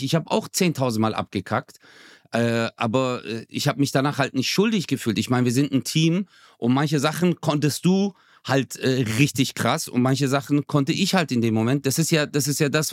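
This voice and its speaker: A man's voice: medium pitch, no echo, studio quality. A man in his thirties co-hosting a podcast, telling stories in loose slang and acting out what people said. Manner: loose, slangy storytelling, acts out quotes. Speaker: podcast co-host. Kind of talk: casual chat.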